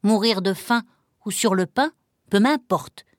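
Woman doing a cheeky, quick-witted boy. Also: medium pitch, no room sound, clean studio sound, close to an everyday voice. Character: cheeky clever peasant boy.

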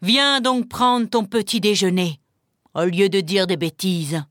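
A woman voicing a bold young boy in a storybook, calling out in a loud, eager way. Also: medium pitch, a little slow, no echo, studio quality, lightly acted. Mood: cheeky.

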